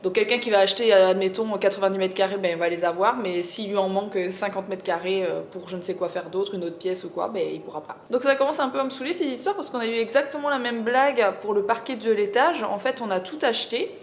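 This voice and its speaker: Casting: female vlogger, slight slushy lisp on s, gravelly fry, chatty and rambling, recorded in an echoey room. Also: medium pitch, quick pace, hardly any pauses. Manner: informal, digressive storytelling. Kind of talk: casual chat to viewers. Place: indoors at home. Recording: roomy echo, faint background noise.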